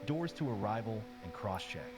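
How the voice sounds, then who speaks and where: A low-voiced cabin crew announcer. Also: female voice, lively intonation, darkish tone, soft background music. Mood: formal. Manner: measured, formal announcing. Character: calm adult female cabin crew announcer. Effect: in-game cabin announcement played faintly in the background. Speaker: flight attendant announcer.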